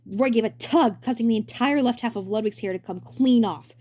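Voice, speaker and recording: A woman's voice: fairly high pitch, a little fast, darkish tone. A woman narrating a fan story as a dramatic reading.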